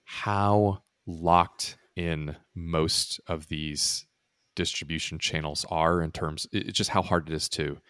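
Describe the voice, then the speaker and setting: Man, deep voice, casual conversation, emphatic explaining, checks in often, dry recording. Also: steady tone, slow pace, a bit bright, smooth, no room sound. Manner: emphatic, checking in with "right?" and "you know". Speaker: podcast co-host with software background.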